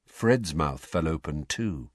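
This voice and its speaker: A man narrating an audiobook in a lively, animated storytelling manner. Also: a bass voice, slow pace, no echo, clean studio sound. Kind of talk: scripted narration.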